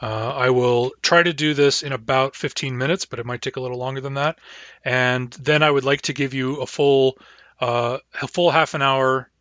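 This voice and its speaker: A man teaching a language class online, talking in a halting way with frequent fillers. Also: medium pitch, fairly even intonation, fairly bright tone, dry recording, dull audio.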